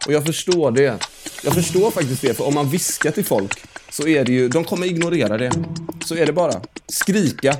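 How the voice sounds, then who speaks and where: A man's voice: on the high side, lively intonation, music in the background. A man in a comic podcast debate, arguing emphatically and mockingly, swearing now and then.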